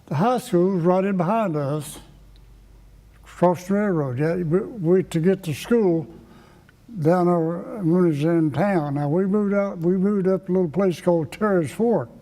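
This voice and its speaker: Elderly Appalachian man, echoey, halting recollection. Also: high-pitched, dark tone. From Kentucky, United States. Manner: folksy, halting, repeats phrases while remembering. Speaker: interviewee recalling childhood. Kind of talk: casual oral-history reminiscence. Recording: echoey reverberant room.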